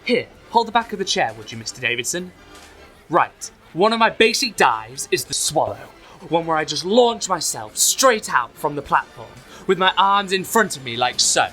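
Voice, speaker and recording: A man playing an earnest, eager young high diver. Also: very animated, normal speed, sharp tone, soft background music.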